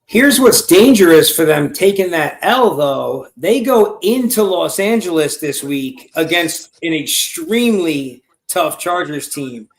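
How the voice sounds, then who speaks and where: A man from New York giving quick, conversational takes as a panelist on a sports talk show. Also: on the high side, expressive, poor audio. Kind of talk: casual sports chat.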